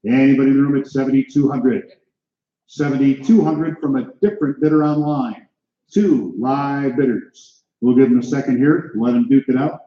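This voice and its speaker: A man's voice: mid-range voice, steady tone, normal speed. An American man working as an auctioneer, calling a live auction with clipped, climbing numbers and repeated calls to bidders. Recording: echoey room, slightly dull sound.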